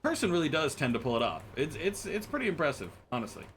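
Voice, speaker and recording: Talking fast with big pitch swings in a slightly high voice, an American man streams a game and chats casually with his audience. He rambles and jokes, laughs, and keeps stammering and restarting his words. There's a little hiss or hum on the recording.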